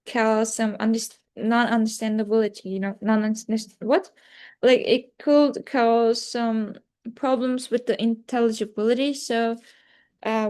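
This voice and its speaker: Young woman presenting in class, high voice, lots of likes and uhs. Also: darkish tone, clear, resonant tone. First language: Turkish. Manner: hesitant, many "like" and "uh" fillers. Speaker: student presenter.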